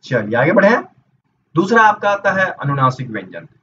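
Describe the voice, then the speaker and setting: A fairly high-voiced man teaches an exam-prep grammar lesson, posing questions and answering them himself as he works through each point. He sits some way from the microphone. The sound is a little dull, with a faint hiss behind him. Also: big pitch swings, normal speed, pushed and bright. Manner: explains step by step, asks and answers his own questions. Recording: dull distant mic with faint noise.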